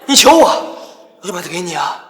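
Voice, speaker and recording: A sneering rich young heir. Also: male voice, high voice, big pitch swings, a bit bright, long reverb tail, a little hiss or hum. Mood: taunting. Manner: sneering, taunting, drawn-out mocking tone. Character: arrogant rich young heir, cruel and mocking. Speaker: villain. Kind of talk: short drama acting.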